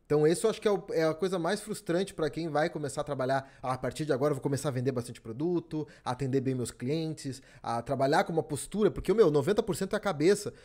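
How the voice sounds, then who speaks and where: Dude hosting, rapid fire, high-ish voice, swears a lot. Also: male voice, a little mellow. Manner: blunt, profane, motivational. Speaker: podcast host. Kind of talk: casual podcast chat.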